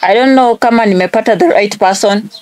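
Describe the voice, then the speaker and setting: A Kenyan woman in her twenties hosts a prank call show, chatting casually on the phone in a mix of Swahili and English. Her voice is a little high and darkish in tone, and she talks briskly.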